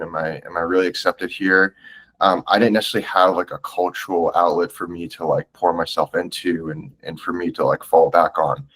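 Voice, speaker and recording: Here the audio quality is poor, capturing a low-sitting, somewhat bright male voice. The speaker is an American guest in his twenties on a podcast, chatting casually in an interview; his delivery is earnest, reflective, loose, and full of fillers.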